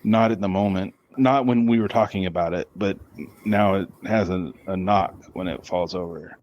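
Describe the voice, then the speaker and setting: A man's voice: low-pitched, steady tone, highs cut off. A man, a podcast guest, answering interview questions casually, often stopping and restarting his words. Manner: halting, with many restarts and repeated words.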